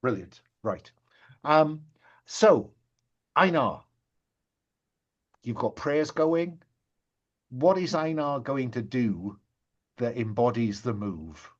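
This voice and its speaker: A man acting as game master, narrating a tabletop role-playing game in a measured way with pauses, prompting the players. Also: mid-range voice, expressive, lo-fi sound.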